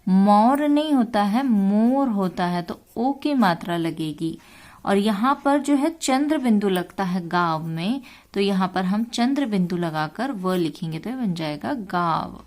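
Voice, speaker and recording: A woman walking through a children's worksheet as a teacher, in a patient, slow and explanatory way. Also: medium pitch, lively intonation, a little mellow. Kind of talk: step-by-step worksheet walkthrough.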